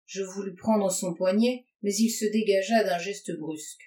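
Une femme lit à voix haute un récit littéraire à la première personne, d'un ton posé et expressif. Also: female voice, mid-range voice, fairly even intonation, measured pace, mellow. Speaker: audiobook reader. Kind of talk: literary narration read aloud. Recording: roomy sound from a distance.

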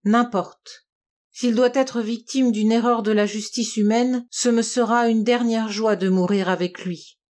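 A woman's voice: on the high side, steady tone, unhurried, a little mellow, lightly acted. A woman reading an audiobook, voicing a theatrical, grieving young woman who pleads dramatically. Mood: impassioned.

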